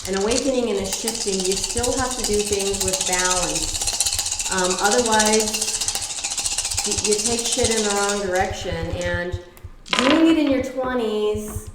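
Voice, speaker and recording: A woman's voice: mid-range voice, unhurried, echoey room, very noisy. A middle-aged woman giving a casual tarot reading, blunt and profane, with emphatic repetitions. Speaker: tarot reader.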